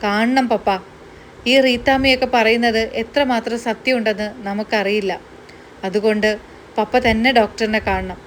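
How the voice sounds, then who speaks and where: A woman's voice: on the high side, level tone, moderate pace, slight background noise, lightly acted. A woman voicing an earnest young daughter who pleads firmly with her father. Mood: pleading.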